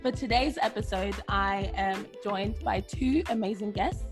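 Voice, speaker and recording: A young woman from Zimbabwe hosting a casual podcast interview, upbeat and quick to laugh. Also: mid-range voice, music in the background. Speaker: podcast host.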